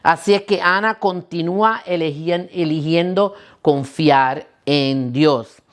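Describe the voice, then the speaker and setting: A woman's voice: low-pitched, takes it slowly. A woman pastor preaching a sermon, asking the listeners questions and restarting words now and then.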